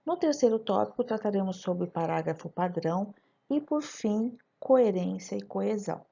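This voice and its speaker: Animated and medium-pitched, this woman's voice is gravelly, warm, and husky at a normal speed. She narrates a recorded lesson with a Brazilian Portuguese accent, teaching by posing questions directly to students, on a dull lo-fi voice-over.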